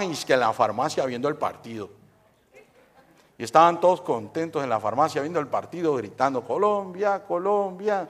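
A middle-aged man preaching a humorous sermon at a church service, telling jokes and quizzing the congregation. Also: fairly high pitch. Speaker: pastor.

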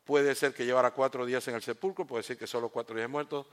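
A man preaching a sermon in church, reading a scripture story aloud with joking asides, rising to loud proclamations and dropping to hushed, slow lines. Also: mid-range voice, steady tone, clear, resonant tone. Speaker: pastor.

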